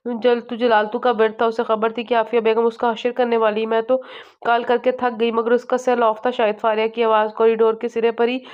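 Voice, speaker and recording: A woman narrates a romance novel for an audiobook, her reading steady and unhurried. Her voice is fairly high, and the pitch barely moves. The audio has a slightly muffled, lo-fi quality. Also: clean tone.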